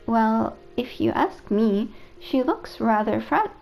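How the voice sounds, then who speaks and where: A woman's voice: a little high, lively intonation, takes it slowly, creaky, lo-fi sound, soft background music, heavily acted. A woman reading aloud the lines of a polite, worried robot AI caretaker from a video game, in her own plain voice. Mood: concerned.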